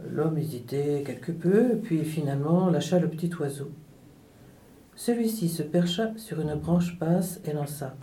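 A woman's voice: low voice, a little slow, dark tone, roomy sound, distant mic. Woman reading a fairy tale. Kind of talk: storybook narration.

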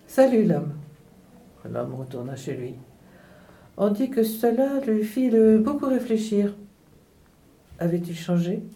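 A woman's voice: mid-range voice, lively intonation, unhurried, long pauses, mellow, echoey room, distant mic. Woman reading a fairy tale. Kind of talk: storybook narration.

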